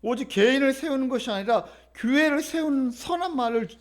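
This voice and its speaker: High-voiced man preaching a sermon. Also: animated, a little fast. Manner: preaching with emphatic repetition and leading the congregation in reading. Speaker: pastor. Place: church sanctuary.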